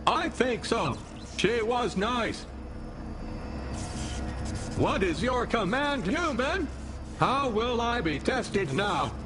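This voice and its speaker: An actress voicing a small, eager toy-like robot in a video game, speaking in stilted, literal phrases with naive pride. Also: female voice, a little high, big pitch swings, takes it slowly, pauses often. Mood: naive, hopeful. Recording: music behind the voice.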